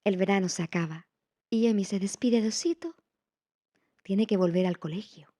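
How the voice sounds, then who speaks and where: A woman reading a children's picture book aloud in a slow, expressive, playful way. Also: mid-range voice. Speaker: storyteller.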